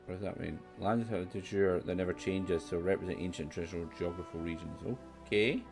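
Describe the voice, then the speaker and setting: A man's voice: low-pitched, quick pace, gravelly, a little mellow, soft background music. A man giving casual let's-play commentary, rambling and thinking aloud with the odd swear word. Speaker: game streamer.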